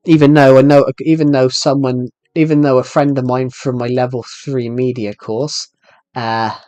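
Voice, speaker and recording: Soft music plays behind a young man in his twenties with a thick British accent as he chats on his game stream. His mid-range voice is warm and moderately paced with little pitch movement, recorded without room sound, and he rambles and restarts sentences while answering chat.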